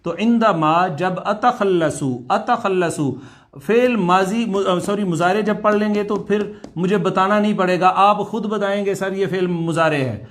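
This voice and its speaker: High-voiced man drilling Arabic phrases. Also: steady tone, fairly bright tone. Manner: slow, repeats Arabic words many times for drilling; explains in Urdu, asks students to repeat aloud. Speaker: Arabic language teacher. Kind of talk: online class lecture.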